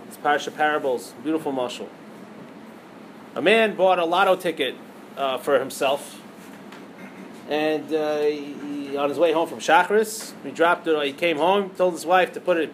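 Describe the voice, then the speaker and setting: A man's voice: on the high side, slight background noise, rough recording. A man teaching a lesson on liturgical poems, telling a parable with rhetorical questions and many Hebrew terms. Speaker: Torah teacher.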